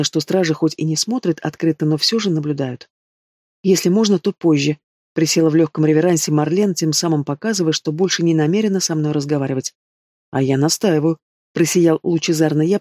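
A man narrates a romantic fantasy audiobook in the first person, with expressive storytelling. His voice sits a little higher than most men's. The recording is close and dry, with no room sound. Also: no echo.

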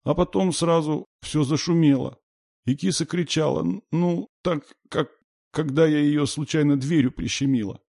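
A male reader voicing a frightened little girl who squeaks and sniffles. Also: moderate pace, creaky, warm tone, no room sound, studio quality.

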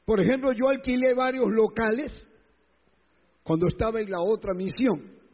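Pastor de voz aguda y ronca, con eco. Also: male voice, high voice, normal speed. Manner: emphatic, repeats phrases, acts out quoted voices. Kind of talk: sermon. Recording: dull lo-fi sound with long hall reverb.

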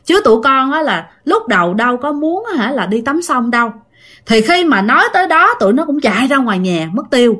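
Here a woman with a high, sing-song voice spins a casual ghost story, addressing her listeners head-on in a chatty manner. She talks a little fast, and her tone is a bit bright.

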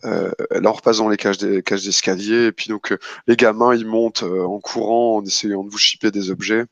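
A man improvising narration as a tabletop game master, casual and halting, often repeating words as he goes. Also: lowish voice, fairly even intonation, vocal fry, no echo, muffled recording.

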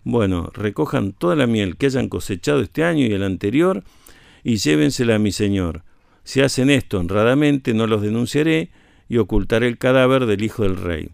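A man reading aloud, voicing an insistent male slave in a storybook tale, pitching up to plead and accuse. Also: animated, normal speed, gravelly, darkish tone, no room sound, studio quality. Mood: accusing. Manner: insistent, raised voice.

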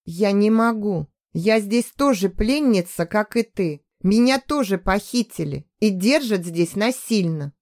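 A woman reading an audiobook, voicing a gentle middle-aged woman doctor who softly coaxes and calms a captive girl. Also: medium pitch, a little slow, hardly any pauses. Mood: soothing. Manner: soft, soothing, coaxing.

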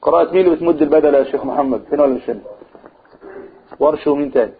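A man speaks very fast in a fairly high pitch with an Egyptian Arabic accent, teaching a group a religious lesson where he asks and answers his own questions and lengthens vowels to model recitation. There's slight background noise, and the sound is husky and phone-like lo-fi.

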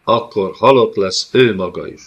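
A man's voice: lowish voice, husky. Man voicing an undead woman trapped in a golem. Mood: mocking. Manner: taunting, eerily calm. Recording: dull lo-fi audiobook recording.

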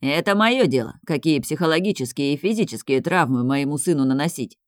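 Calm, sneering boss type, menace under the mockery, put on by the storyteller. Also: male voice, on the high side, brisk, dry recording, clean studio sound, close to an everyday voice. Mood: mocking. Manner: sharp, cold, sneering. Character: dangerously calm, mocking middle-aged crime boss.

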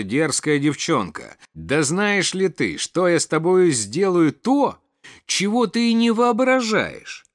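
A man's voice: medium pitch, no room sound, clean studio sound, close to an everyday voice. A man voicing a domineering older nobleman who speaks sternly and threateningly, in a storybook reading.

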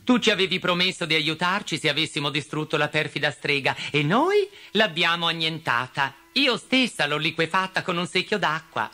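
Man doing a young girl, firm, earnest, slightly higher bright voice. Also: sing-song, normal speed, few pauses, exaggerated voice.

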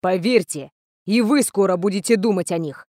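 A woman's voice: medium pitch, normal speed, mellow, dry recording, lightly acted. A tired, grim male teacher in an audiobook, curt and commanding, as a woman reader puts him on. He speaks firmly and gives orders. The recording is dry and close. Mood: stern. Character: weary stern middle-aged male teacher.

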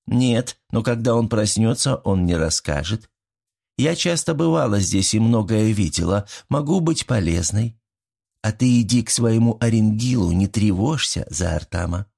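A man voicing a calm, soft-spoken but insistent old grandmother spirit in a fairy tale. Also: on the low side, normal speed, creaky, slightly rough, exaggerated voice. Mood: calm, firm.

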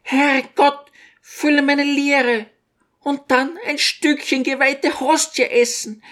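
A man reading an audiobook and voicing a fussy, pious, tearful old mother in a high, pleading voice. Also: fairly even intonation, takes it slowly, a bit bright, heavily acted. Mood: fretting. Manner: pleading, fretful, high-pitched. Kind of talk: audiobook character voice.

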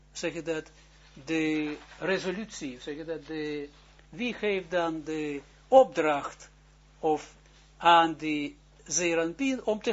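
A man teaching a lesson as a rabbi, often halting and restarting, checking whether listeners follow, and firing off rhetorical questions. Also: fairly high pitch, lo-fi sound. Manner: halting, searching for words, frequent restarts; keeps asking the listeners whether it is clear. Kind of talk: lecture.

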